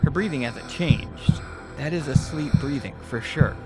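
A man with a mid-pitched voice narrates a scary story in the first person. It is a scripted storytelling read, with clearly audible music underneath. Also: measured pace, rough recording.

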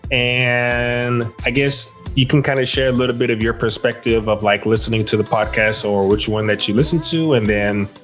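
A Texan podcast host chats loosely in a casual interview, dropping plenty of "like" and "you know." His medium-pitched, slightly bright voice stays fairly even, moving at normal speed with hardly any pauses, while faint music plays behind him.

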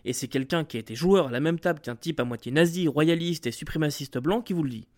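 Lively chatty game master, fairly high voice. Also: male voice, fast talker. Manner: conversational, lively, with occasional fillers. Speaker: tabletop game master giving advice. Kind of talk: explanatory video talk.

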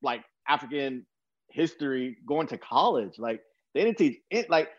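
A young American man from Texas hosts a podcast, rambling casually and using informal slang. His mid-range voice is expressive and moves at a moderate pace. The recording is dry and slightly muffled.

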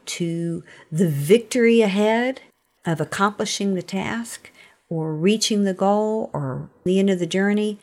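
On a podcast, a woman with a lowish voice gives a conversational, faith-based teaching talk. She's earnest and emphatic, often asking rhetorical questions.

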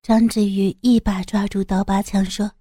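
A woman narrating an audiobook story in an even, measured way. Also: mid-range voice, dry recording, studio quality.

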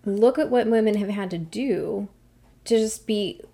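A woman in casual podcast conversation with a voice at ordinary middle pitch. She speaks earnestly and presses her points with growing conviction. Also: a little slow, vocal fry, dark tone. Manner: earnest, builds to impassioned points. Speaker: podcast co-host. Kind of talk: casual chat.

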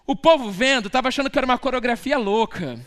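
A Brazilian man preaches with a high, bright-pitched voice. He tells stories animatedly and swings up into shouted peaks. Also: quick pace. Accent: Brazilian Portuguese. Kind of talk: lively sermon.

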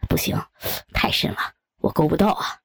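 A woman voicing a group of crude, boastful young men in a low, gruff put-on voice. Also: moderate pace, fairly bright tone, no room sound, natural voice. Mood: leering.

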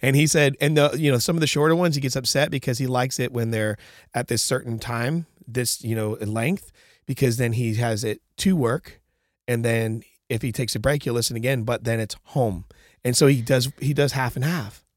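A man's voice: mid-range voice, steady tone, normal speed, dry recording, clean studio sound. A man with a congested, nasal voice hosting a podcast, chatting casually and emphatically, often repeating himself to make a point. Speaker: podcast host. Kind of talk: casual co-hosted podcast chat.

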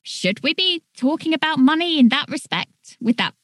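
A woman's voice: sits high, lively intonation, normal speed, no echo. A woman hosting a podcast, thinking aloud in long, winding questions to her guest. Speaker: podcast host. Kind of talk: conversational interview.

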